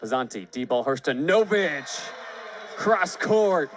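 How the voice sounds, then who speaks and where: On radio play-by-play for baseball and volleyball, this man speaks slowly in a rather high voice with big swings in pitch. His live commentary is fluent and descriptive and gets louder on big plays, with a faint hiss or hum behind it.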